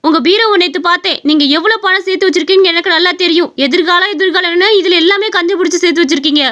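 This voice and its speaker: Quick, high-voiced young wife pleading with her miserly husband, voiced by a woman. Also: a bit bright, dull audio. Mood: exasperated. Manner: pleading, exasperated.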